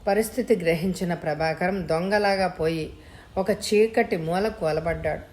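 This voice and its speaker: A woman narrating a story in a steady, measured way. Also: lowish voice. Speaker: audiobook narrator.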